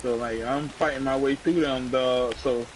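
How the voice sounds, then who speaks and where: A man's voice: mid-range voice, moderate pace, low-quality recording. A young man casually chatting with a friend while playing a game, slangy and profane, rambling and laughing often. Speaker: gamer. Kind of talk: casual gameplay chat with a friend. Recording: steady rain-like background hiss.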